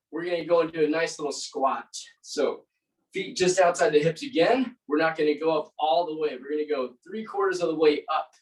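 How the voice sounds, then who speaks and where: An aerobics instructor leading a group workout, giving short encouraging commands and counting out repetitions. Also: mid-range voice. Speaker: aerobics and fitness class instructor. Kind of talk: live group workout coaching with counted reps. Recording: roomy echo, distant mic.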